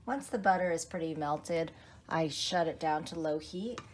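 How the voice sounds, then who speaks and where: A low-pitched woman walks through a recipe in her own kitchen, chatty and explanatory, pausing on fillers as she goes. The recording is noisy, with a steady hiss and clicks under her voice. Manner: explanatory and unhurried, with many fillers. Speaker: home cook demonstrating a recipe. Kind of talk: casual cooking demonstration. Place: home kitchen.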